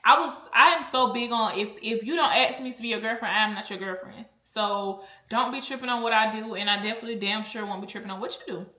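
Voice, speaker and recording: A woman's voice: on the high side, fast, few pauses, pushed and bright, reverberant. A woman vlogger telling a storytime in a blunt, chatty way while eating, and she often drifts off topic. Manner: chatty, blunt, easily sidetracked.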